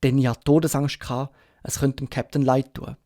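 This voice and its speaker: A Swiss German man narrating a classic novel as an audiobook, with steady storytelling. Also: mid-range voice, brisk, dry recording, studio quality. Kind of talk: scripted narration.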